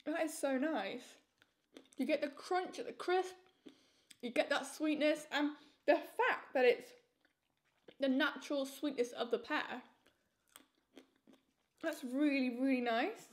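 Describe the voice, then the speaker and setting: A young woman giving a casual, enthusiastic snack review to camera as she tastes crisps, repeating words for emphasis. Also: high voice, slow pace, pauses often. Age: young adult. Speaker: food reviewer.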